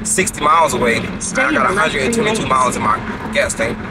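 A man's voice: fairly high pitch, sing-song, a little fast. A young man chatting casually and playfully to the camera in a loose vlog style, recorded from arm's length inside a car. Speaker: vlogger. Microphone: handheld camera at arm's length. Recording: loud road noise in a car. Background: car and road noise.

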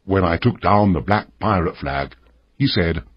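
A man reading a story aloud in a measured, expressive way for English learners. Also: sits low, husky, muffled recording. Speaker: narrator.

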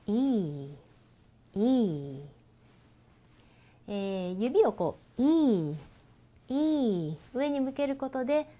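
A woman teaching English pronunciation, holding out long vowels and giving gentle, encouraging instructions. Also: a little high. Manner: models drawn-out vowels and slow example sentences. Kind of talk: pronunciation lesson.

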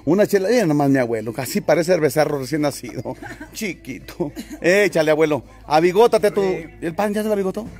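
A man hosts a casual livestream from outdoors in a small town. His voice sits fairly high for a man. He chats jovially, greeting viewers by name and teasing the people around him. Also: lively intonation, fairly quick, darkish tone, soft background music. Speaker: vlogger and livestream host.

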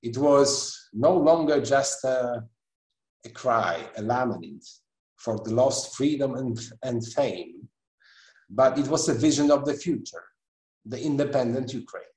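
A middle-aged man giving an online history lecture over a webcam video call, speaking in a measured way with frequent pauses and restarts. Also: mid-range voice, a little mellow, reverberant, low-quality recording. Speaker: guest lecturer. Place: indoor room at a computer.

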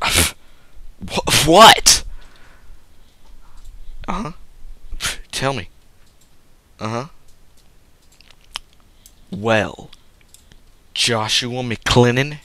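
A young man giving goofy, rambling gameplay commentary as a let's play host, often yelling in bursts. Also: medium pitch, big pitch swings, drawn-out words, pauses often.

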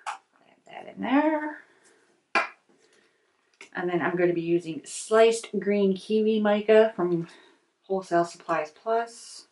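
In a casual soap-making video filmed overhead at her kitchen table, a middle-aged host chats and thinks aloud while mixing. She talks slowly in a mid-range voice, pausing often, her tone alternating between gentle and bright. Slight background noise is present.

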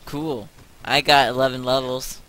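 A man's voice: mid-range voice, level tone, measured pace, bright, forceful tone, clean tone, rough recording. A young man joking around with a friend while playing an online game. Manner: joking, easily distracted. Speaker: gamer. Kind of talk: casual game chat.

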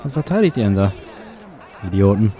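A man's voice: on the low side, very animated, brisk, warm tone, some chatter behind. A man commenting casually on his gameplay, chatty and sarcastic, grumbling at the game as he plays. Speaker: let's play gamer.

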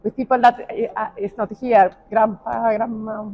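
This interview guest, a middle-aged non-native English speaker who works as a medical doctor, chats casually and searches for words. Her voice is a little high, her delivery flat and moderately paced. She's walking through a large hotel hallway indoors, captured in dull audio with clearly noisy background.

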